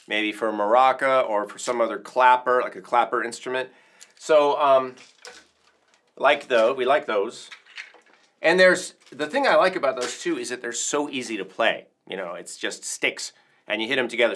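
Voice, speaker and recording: On a casual livestream, a man speaks at a typical male pitch with a bright, crisp-edged sound. Like a percussion teacher showing off his favorite gear, he rambles informally and plainly enthusiastic.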